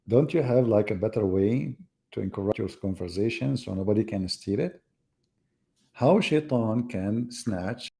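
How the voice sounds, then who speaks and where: The host of a live religious debate, a man whose voice is low, gravelly and mellow, keeps up a mocking, casual commentary. Sarcastic and teasing, he relies heavily on rhetorical questions.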